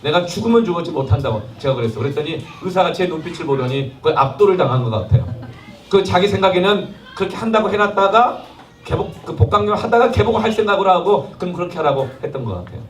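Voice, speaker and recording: A man's voice: high voice, expressive, fast talker. A man, a pastor, preaching a sermon and telling a personal story with quoted dialogue. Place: temporary worship hall in a school. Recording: echoey hall, mic at a distance, faint ambience.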